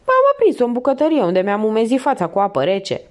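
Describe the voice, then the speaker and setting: A distraught young woman's voice, pitched up high and swinging wildly as it pleads and accuses, as a female reader puts her on. The emotion runs raw and close to tears, set in a storybook. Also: wildly swooping pitch. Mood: tense. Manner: pleading, then bursting into hysterical sobbing accusations.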